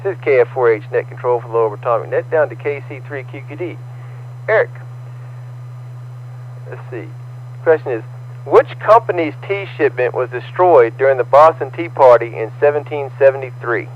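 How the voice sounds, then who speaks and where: A man running a ham radio net as net control, heard over a radio transmission, talking haltingly with many ums and uhs. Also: mid-range voice, slight background noise. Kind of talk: ham radio net check-ins and trivia. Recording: tinny narrow-band radio transmission.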